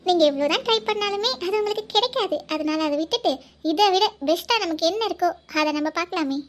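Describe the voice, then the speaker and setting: A woman voicing a young village woman in a cartoon who teases and talks softly. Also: very high-pitched, fast. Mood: teasing. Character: young village woman, teasing then guilt-ridden. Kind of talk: cartoon voice acting.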